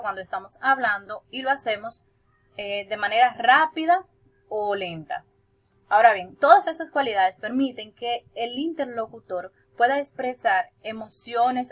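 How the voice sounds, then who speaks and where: A young woman in training to teach presents to her class in a steady, explanatory way. Her voice sits a little high, and she stops for brief hesitant fillers between points.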